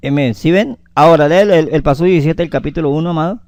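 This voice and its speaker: Man, preacher, sermon, frequent hallelujahs, cites chapter and verse, slightly high voice, dry close sound. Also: fast, a little mellow, no room sound. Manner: addresses the congregation as beloved, interjects hallelujah often. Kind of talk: sermon on the weekly Torah portion.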